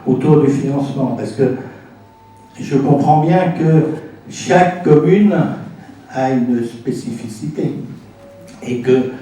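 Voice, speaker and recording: As president of an intercommunal council, a man addresses a meeting informally in an indoor council room, explaining things with frequent pauses and tacking on "hein" as a tag word. His voice is mid-range and dark. The room is echoey, the mic distant, and there's faint noise.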